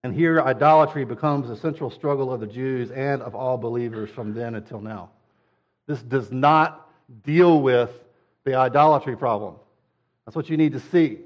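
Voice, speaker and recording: A man's voice: fairly high pitch, muffled recording. Conversational man preaching a sermon. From United States. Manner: conversational preaching, acting out whiny quotes. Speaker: pastor.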